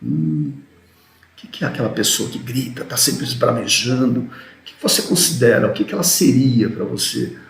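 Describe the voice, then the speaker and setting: Fast-talking man teaching. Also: mid-range voice, expressive, vocal fry, reverberant. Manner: talks fast, often adds "né?". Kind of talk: recorded video lecture.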